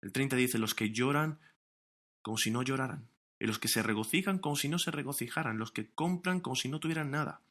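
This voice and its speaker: An earnest male pastor preaches with emphatic weight, now and then tripping over his words and starting again. His voice sits in an ordinary middle pitch, and he delivers the sermon straight to an audience watching online. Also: brisk, fairly bright tone. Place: recorded for online streaming during lockdown.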